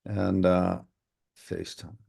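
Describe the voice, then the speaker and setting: A man joining a public panel over a video call, speaking haltingly with repeated restarts. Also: sits low, monotone, creaky, warm tone, breathy edge. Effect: heard over a video call. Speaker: panel guest joining remotely. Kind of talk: casual remote chat.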